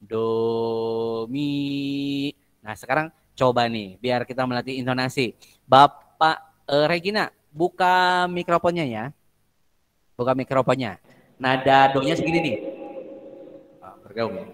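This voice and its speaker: A man's voice: medium pitch, animated, moderate pace, long pauses, a bit bright. A man teaching an online music class, quizzing students with jokes and singing solfège drills. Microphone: video call.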